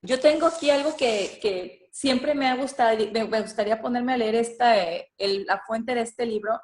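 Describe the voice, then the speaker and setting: A woman, a guest telling a relaxed personal story. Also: fairly high pitch, moderate pace. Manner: relaxed, anecdotal. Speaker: guest on the show. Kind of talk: casual personal chat. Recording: echoey room.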